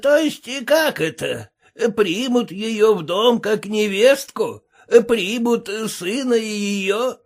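An actor playing a proud, bitter old army captain, gruff, indignant and scornful. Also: male voice, sits high, expressive, slow pace, heavily acted. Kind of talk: audiobook character reading.

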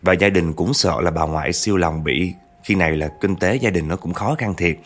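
Low-voiced male storyteller. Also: normal speed. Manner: chatty, addresses listeners directly. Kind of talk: narrating a true spooky family story.

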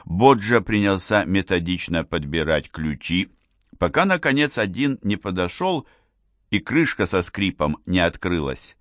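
Low-voiced guy reading an audiobook, slow and steady, dry sound. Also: no echo. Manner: measured, even storytelling. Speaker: narrator. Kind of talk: scripted audiobook narration.

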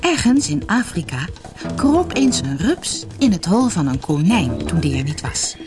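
Female storybook narrator, lowish voice, animated delivery. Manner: lively, expressive read-aloud. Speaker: audiobook narrator. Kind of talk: storybook reading.

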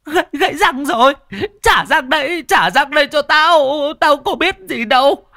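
A shrieking, stammering ghost in a spoken ghost story. The voice jumps far above his own and comes out loud and strained. It alternates between pitiful begging and spiteful taunts, recorded dry and close. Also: very high-pitched, normal speed, no echo, voice pushed up, full character voice. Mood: pleading. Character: shrill wailing ghost, cowardly and spiteful.

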